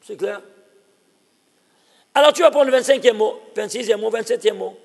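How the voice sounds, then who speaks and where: Rabbi teaching a class: very high, husky voice, emphatic, keeps quizzing the room. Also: male voice, moderate pace, in a large hall. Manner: emphatic, fires rhetorical questions at listeners. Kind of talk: recorded Torah lesson.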